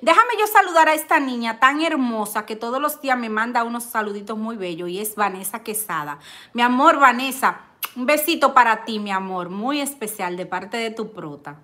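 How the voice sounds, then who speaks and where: A middle-aged woman chatting on a live stream, reading viewer comments with lots of excited exclamations and loud laughter. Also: fairly high pitch, moderate pace. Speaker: vlogger hosting a live stream.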